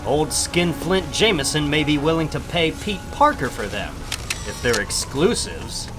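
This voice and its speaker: A man voices a cocky, hard-luck teenage superhero from a comic book. His theatrical quips are animated and fairly high, with clear music behind. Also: unhurried. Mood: determined. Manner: quippy, self-narrating, theatrical. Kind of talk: dramatic comic book reading.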